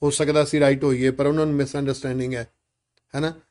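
A man's voice: mid-range voice, little pitch movement, quick pace, a little mellow. A man leading a live classroom discussion with children, asking many questions and urging them to speak up.

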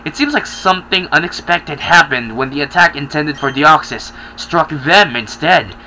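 A man's voice: on the high side, animated, normal speed, bright, forceful tone, a little hiss or hum, low-quality recording. A man voicing a scheming villainous woman from a video game, with a witchy cackle in her voice. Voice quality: witchy laugh.

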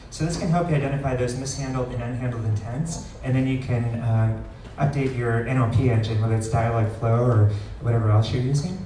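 Speaking at medium pitch, a man runs a live software demo for an indoor meetup audience, talking loosely and pausing often. The recording, made by a distant camera in a spacious wood-ceilinged room, is roomy and slightly noisy.

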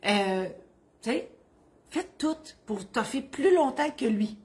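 A woman's voice: on the high side, animated, slow pace, a little mellow. A middle-aged woman with a Quebec French accent, a notary who gives legal advice in a chatty, joking, digressive way and explains things plainly. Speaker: notary answering legal questions. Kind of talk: humorous legal advice column.

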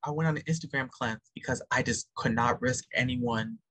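A man hosting a casual podcast chat about music, excitable and quick to act out quotes with big jumps in his voice. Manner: fast, excitable, acts out quotes with sharp jumps in pitch. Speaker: podcast host.

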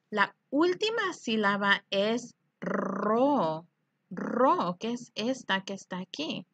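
Slow, bright-voiced woman teaching syllables. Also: a little high. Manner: slow, deliberate, syllable-by-syllable drilling. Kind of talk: children's reading lesson.

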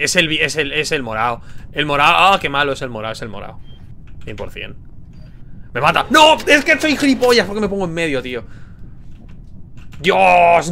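Guy muttering over a game, curses out loud when it goes wrong, bright tone. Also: mid-range voice, slight background noise. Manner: mutters to himself, bursts into loud frustrated swearing. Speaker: gaming streamer. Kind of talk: casual gameplay commentary with friends.

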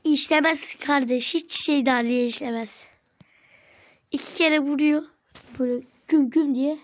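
A woman giving casual gameplay commentary as a channel host, chatty and excitable, taunting her opponents. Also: high voice, unhurried.

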